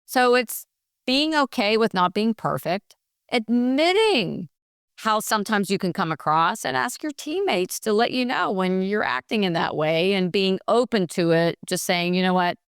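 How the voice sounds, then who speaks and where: A woman speaking as a podcast guest expert, passionate and animated, acting out quoted dialogue as she gives advice. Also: mid-range voice, moderate pace, clear, resonant tone, no room sound, studio quality. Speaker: guest expert on workplace bullying. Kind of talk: podcast conversation, advice-giving.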